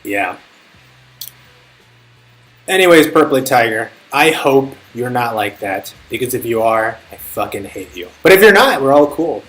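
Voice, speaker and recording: A man's voice: mid-range voice, sing-song, a little slow, a bit bright. A young man chatting casually on a live stream, telling a rambling, profane story as a tutor. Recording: faint music behind. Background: faint music.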